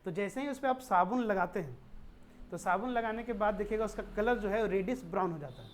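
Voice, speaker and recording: A woman's voice: mid-range voice, expressive, a little fast, a little hiss or hum. Woman teaching chemistry with rhetorical questions. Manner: asks rhetorical questions and answers them herself; mixes English technical terms into explanations. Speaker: science teacher. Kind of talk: classroom-style chemistry lesson.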